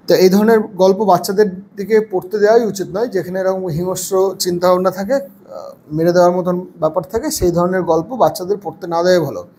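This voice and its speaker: A man teaching an English grammar lesson. He reads English sentences slowly, then translates and explains them. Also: high-pitched, steady tone, warm tone, a little hiss or hum.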